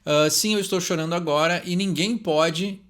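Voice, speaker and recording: Chatty young Brazilian man, higher voice. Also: fairly bright tone. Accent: Brazilian Portuguese. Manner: chatty, fills pauses with "né?", reads English lines slowly. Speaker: channel host explaining song lyrics. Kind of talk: casual lyric breakdown.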